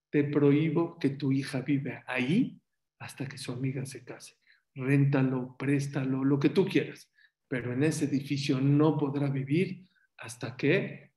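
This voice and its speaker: Male rabbi, mid-pitched, animated storytelling sermon, room reverb. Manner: animated storyteller, voice rising sharply at dramatic points. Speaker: rabbi teaching a Torah class.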